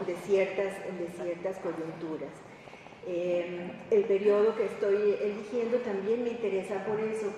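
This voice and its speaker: This woman, an academic researcher with a Mexican Spanish accent and a mid-range voice, gives a partly improvised panel talk in an indoor conference room or hall. Her speech is halting and thoughtful, with pauses to find words and tag questions, and the distant mic catches echo and faint noise.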